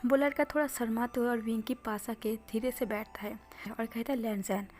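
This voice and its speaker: A woman reading a fan-fiction story aloud, her narration soft and often half-whispered. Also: fairly high pitch.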